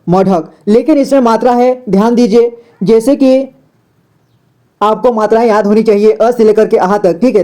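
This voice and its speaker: Patient man teaching reading, mellow voice. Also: extremely high pitch. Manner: patient, repeats words, keeps asking the viewer questions. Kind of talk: step-by-step reading lesson.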